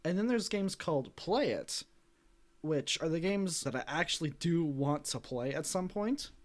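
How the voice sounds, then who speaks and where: Lively man telling gaming stories. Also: a little high, measured pace. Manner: animated storyteller, acts out quotes. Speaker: podcast co-host. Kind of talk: casual chat.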